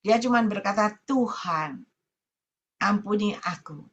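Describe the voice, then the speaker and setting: A woman evangelist, preaching a sermon and telling a congregant's story in an animated way. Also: medium pitch, a little slow, husky, dull audio. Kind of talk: sermon with testimony. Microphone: online prayer meeting broadcast.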